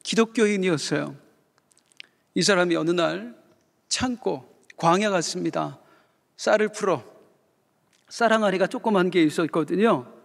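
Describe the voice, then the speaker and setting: A man's voice: high-pitched, moderate pace, gravelly, long pauses, in a large hall. A male pastor preaching a sermon, telling a story and building up fervent rhetorical questions. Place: church sanctuary.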